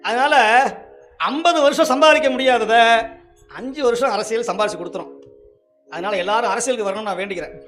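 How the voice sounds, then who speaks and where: A man giving a lively, humorous devotional sermon as a Shaiva religious speaker, often acting out other people's remarks. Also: very high voice, a little fast, pauses often, faint music behind. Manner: lively humorous preaching with acted quotes.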